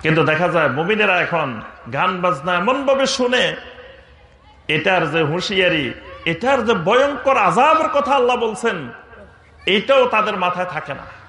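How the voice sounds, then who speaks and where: Male preacher, high and forceful delivery, fiery sermon with chanted quotations, roomy echo. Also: very animated, unhurried, pauses often. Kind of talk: Bengali waz sermon.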